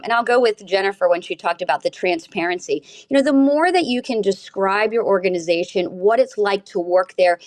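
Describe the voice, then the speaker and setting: A woman's voice: medium pitch, no echo. Thoughtful woman, dry close sound. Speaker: guest panelist. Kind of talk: conversational interview answer.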